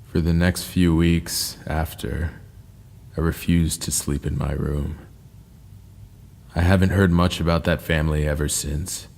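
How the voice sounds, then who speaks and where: A man narrating scary first-person stories in a slow, ominous storytelling manner. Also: very deep voice, creaky, darkish tone. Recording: long reverb with faint ambient noise.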